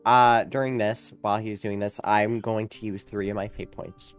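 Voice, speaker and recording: A man at a tabletop game describes his moves in a laid-back way, as if thinking aloud. His voice is low with plenty of gravel. Soft guitar music plays in the background. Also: fairly even intonation, normal speed. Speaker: player. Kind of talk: casual tabletop game chat.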